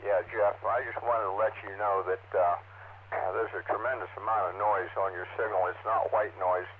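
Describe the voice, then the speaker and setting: Man on a noisy ham radio link, low voice, tinny narrow sound with faint hiss, matter-of-fact check-in. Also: steady tone, moderate pace. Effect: noisy ham radio transmission. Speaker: amateur radio operator checking in. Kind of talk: casual radio net check-in.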